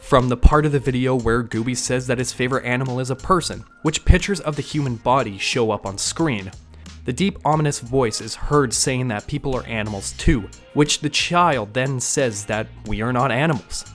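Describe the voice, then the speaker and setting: Over background music, a YouTube host and narrator reads a scripted breakdown for his online video, slipping in a few casual touches. He speaks in a mid-range, slightly bright voice at normal speed.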